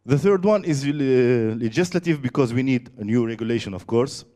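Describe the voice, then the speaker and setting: A man giving a presentation, halting and searching for words with many fillers. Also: medium pitch, expressive, mellow. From Tunisia. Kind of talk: conference presentation.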